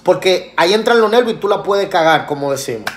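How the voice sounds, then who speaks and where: A man's voice: sits high, animated, fast talker. A man vlogging a casual personal story, chatty with many fillers and restarts, acting out both sides of conversations. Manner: acts out both sides of dialogues.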